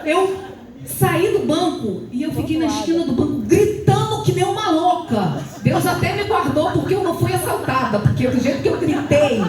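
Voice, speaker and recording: A woman telling her testimony in a church service, animated storytelling that rises into fervent exhortation. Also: very high-pitched, normal speed, music in the background. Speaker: wife giving testimony at couples' service. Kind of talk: testimony and preaching. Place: church hall. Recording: very echoey hall, distant mic, faint hiss.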